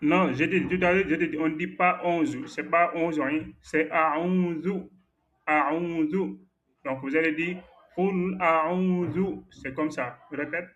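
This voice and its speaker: A man's voice: a little high, fairly even intonation, moderate pace, hardly any pauses, a bit bright, highs cut off. A man teaching a Quran recitation lesson, patiently correcting a student's errors and repeating the right forms, with frequent hesitations.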